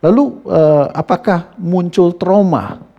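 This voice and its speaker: A man hosting a church talk show and gently questioning a guest. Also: high-pitched, slow, vocal fry, lo-fi sound. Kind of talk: interviewing a guest.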